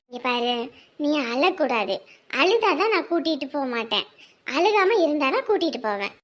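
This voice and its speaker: An actress playing a village grandmother, coaxing and gently scolding a child. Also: sits high, sing-song, normal speed. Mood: soothing. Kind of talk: village family drama.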